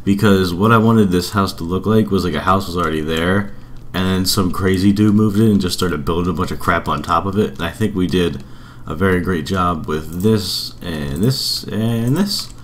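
A young man giving casual, rambling game build commentary in a subdued voice, keeping quiet at night. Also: deep voice, normal speed, a little hiss or hum. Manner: rambling, informal. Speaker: video creator.

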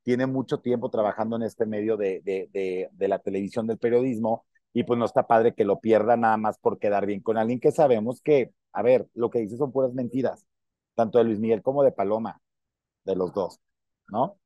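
A man in his thirties with a Mexican Spanish accent hosts a casual celebrity gossip show, sharing opinions to camera and often repeating words while he searches for the next one. He's indoors with plants behind him, framed by a webcam and using an earphone mic. His lowish, dark voice moves at normal speed, with no room sound and the highs cut off.

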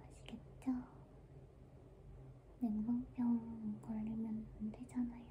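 A young woman whispering a casual ASMR chat close to the microphone in a breathy, gentle, musing manner. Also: fairly high pitch, little pitch movement, background noise. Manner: unhurried, drifting, gentle musing. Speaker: ASMR creator. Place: small room indoors, lying down. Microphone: handheld microphone held close to the mouth.

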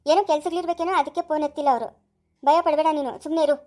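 A fierce but caring sister-in-law, acted by a woman, comforting one moment and forceful the next. Her voice is very high and her speech rapid. She has a Chikkaballapur Kannada accent, in a homemade family skit. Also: steady tone, lightly acted. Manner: scolding yet comforting, forceful.

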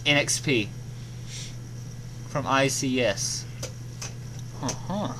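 A man's voice: medium pitch, drawn-out words. A man in casual chat at home, joking around and mumbling as he reads out notes. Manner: joking, muttering while reading notes. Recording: home recording with steady background noise.

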